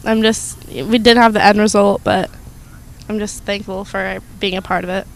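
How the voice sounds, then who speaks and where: A teenage girl soccer player speaking softly and gratefully about her team. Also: mid-range voice, fairly even intonation, normal speed, gravelly, low-quality recording. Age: teens. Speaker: high school soccer player.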